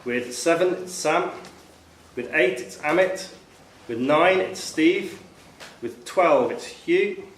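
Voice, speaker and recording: A quiz master reads out questions and scores to a club room during a pub-style quiz, his voice on the high side with lively intonation and a slow pace. A distant microphone picks him up amid echo and faint noise.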